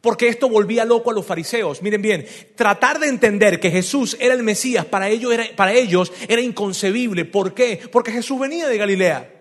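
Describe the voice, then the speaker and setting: A man preaches with a high, animated voice, asking his listeners direct questions as he tells the story. He acts out the voices of the people in it. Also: brisk. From Venezuela. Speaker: pastor. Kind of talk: sermon.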